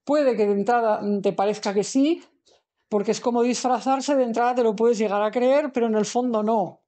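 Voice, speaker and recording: A woman with a fairly high voice and dark tone, speaking at normal speed, gives a spiritual lesson. As a spiritual teacher in a recorded lecture on the soul, she reflects and thinks aloud, using fillers and restarting her sentences.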